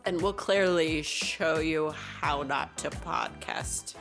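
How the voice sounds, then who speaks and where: A woman's voice: low-pitched, slow pace, vocal fry, fairly bright tone, faint music behind. A woman co-hosting a podcast, giggling and slurring while her own speech comes back to her on a delay. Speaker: podcast co-host. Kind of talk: casual podcast chat, singing a parody song. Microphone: headphones and studio mic.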